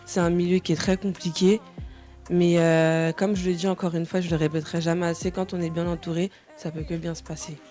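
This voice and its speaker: A woman's voice: on the low side, little pitch movement, a little fast, dark tone, soft background music. Hesitant young French woman singer. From France. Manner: hesitant, many fillers and restarts. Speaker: singer, interview guest. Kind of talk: casual interview answers.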